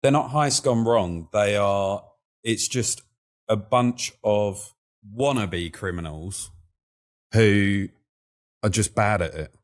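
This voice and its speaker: Bloke, really deep voice, blunt and teasing, swears a bit. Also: male voice, takes it slowly. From London. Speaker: podcast co-host. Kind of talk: casual podcast chat. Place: podcast studio table.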